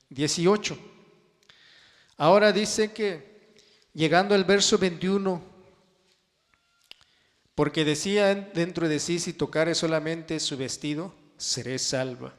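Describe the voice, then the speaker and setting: A man preaching a sermon and reading scripture, drawing his phrases out with emphasis and sudden soft drops. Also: on the high side, a little slow, pauses often. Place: church hall. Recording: long church-hall reverb.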